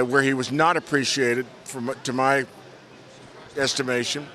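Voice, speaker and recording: An older American man, a guest at an outdoor event, telling animated anecdotes and acting out the voices in a relaxed interview. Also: a little high. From United States. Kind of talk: casual storytelling interview.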